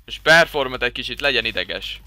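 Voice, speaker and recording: Young male gamer, lively and sharp-toned, dry close mic with faint music underneath. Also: medium pitch, dry recording. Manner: excitable, bursts into loud swearing exclamations. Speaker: Minecraft server streamer. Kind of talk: casual gameplay commentary.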